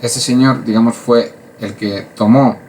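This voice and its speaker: A man's voice: medium pitch, fairly even intonation, measured pace, darkish tone, slight background noise. A man from Spain giving a casual math lesson, chatty and full of fillers and asides. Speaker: math teacher.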